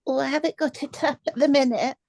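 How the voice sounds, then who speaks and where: A woman on a video call explaining her trouble in a tentative way. Her voice is a little high and creaky, and the sound is dry. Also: steady tone, quick pace, a little mellow, dry recording. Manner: tentative, describing her problem step by step. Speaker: workshop participant.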